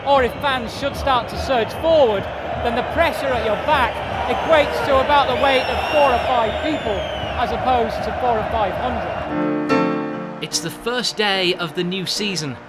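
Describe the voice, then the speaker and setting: Male TV sports presenter, high voice, upbeat and polished, music bed behind. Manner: polished, upbeat broadcast delivery with light banter. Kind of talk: broadcast sports presenting and reporting.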